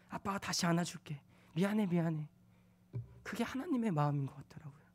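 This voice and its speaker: A young man preaching a sermon, switching between loud scripture reading and soft, hushed confiding. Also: sits high. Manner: acts out his own angry and tender words in quotes.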